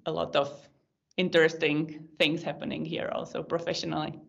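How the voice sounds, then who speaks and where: A woman's voice: deep voice, level tone, brisk, creaky. A woman in her thirties with a Czech accent, a podcast guest explaining her work in long, thoughtful lists with small restarts. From Czech Republic. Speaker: podcast guest, data science team lead. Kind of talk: casual interview answers. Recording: lo-fi video call audio.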